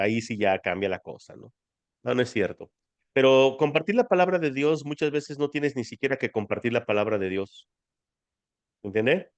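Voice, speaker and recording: Chatty Mexican man leading a spiritual study. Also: medium pitch. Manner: affectionate, chatty, addresses listeners as family. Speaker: spiritual study group leader. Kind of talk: casual spiritual teaching.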